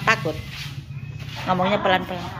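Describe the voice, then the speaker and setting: A woman's voice: fairly low pitch, fairly even intonation, normal speed. A woman, a caretaker chatting casually, calling out names and teasing. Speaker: caretaker at a care home. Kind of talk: casual chat. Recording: faint background noise.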